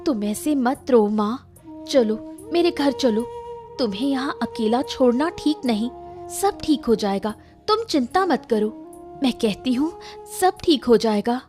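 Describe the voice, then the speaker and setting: A woman's voice: on the high side, animated, unhurried, music in the background, voice pushed up. A woman voicing a kind young village woman who comforts an old mother in a cartoon story. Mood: soothing. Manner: soothing, reassuring.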